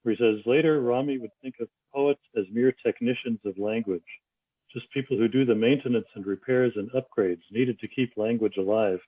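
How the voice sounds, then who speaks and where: At a book discussion, a male audience member with a husky, medium-pitched voice makes a relaxed, thoughtful remark and reads a passage aloud, speaking at a moderate pace. The recording is dry, with a thin, phone-like quality.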